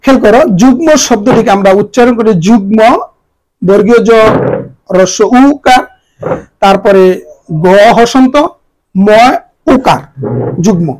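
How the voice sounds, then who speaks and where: A man teaching a grammar lesson to students, spelling out the pronunciation of words slowly, letter by letter. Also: high-pitched, a little mellow, poor audio. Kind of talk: exam-prep grammar lesson.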